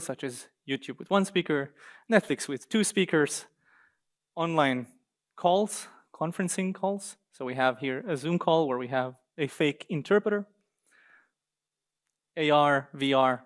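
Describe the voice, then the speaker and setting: A young man from Israel giving a conference talk on slides in a university seminar room, lively and joking with the audience now and then. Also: a little high. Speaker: guest speaker.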